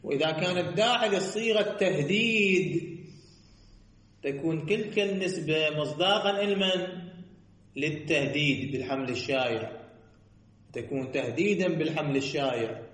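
A man's voice: a little high, normal speed, pauses often, a bit bright. A man giving a scholarly lesson, posing rhetorical questions and answering them himself in a sing-song cadence. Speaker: teacher. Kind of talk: seminary lecture on jurisprudence. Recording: echoey room.

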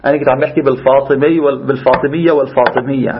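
A man's voice: medium pitch, fairly even intonation, rapid-fire, highs cut off. A man with a Levantine Arabic accent teaching a religious class informally, explaining animatedly and shifting between classical and colloquial speech. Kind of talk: informal lecture with discussion.

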